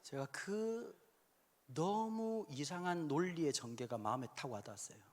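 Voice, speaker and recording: A man in his fifties preaching a sermon in a church hall, joking and suddenly shouting when he acts out quotes. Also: a little high, animated, normal speed. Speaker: pastor. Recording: echoey hall sound.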